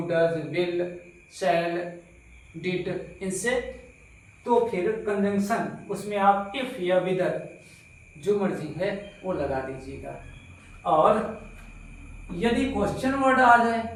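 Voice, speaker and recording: A man teaching a slow grammar lesson to pupils, repeating points and asking them questions. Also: high-pitched, far from the mic. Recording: very echoey room, voice from off-mic.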